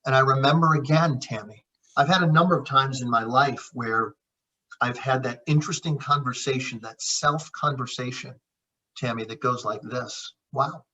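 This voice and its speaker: Earnest middle-aged man, husky and lo-fi. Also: medium pitch, normal speed, pushed and bright. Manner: earnest, reflective, addresses the other host by name often. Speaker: naturopath and chiropractor. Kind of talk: heartfelt conversational storytelling. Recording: dull lo-fi sound.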